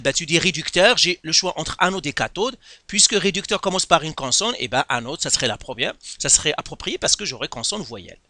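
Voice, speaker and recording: A man's voice: fairly high pitch, pushed and bright, dry recording. A man teaching a chemistry lesson in Quebec French, working through an exercise step by step and asking himself questions. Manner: explains step by step, with many rhetorical questions. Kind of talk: lesson explaining a worked exercise.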